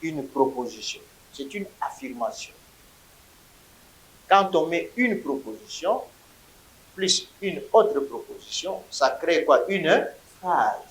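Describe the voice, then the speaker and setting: A male teacher leads a classroom lesson, calling out words for his students to repeat. He speaks slowly in a fairly high voice. The room is echoey and boomy around him. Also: animated, slight background noise. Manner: drills vocabulary in loud call-and-response. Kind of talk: classroom lecture.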